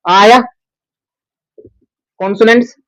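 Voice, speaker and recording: A man's voice: sits high, steady tone, slow, a bit bright, rough recording. A young man teaching an English grammar lesson at a board, who asks the class questions and answers them himself.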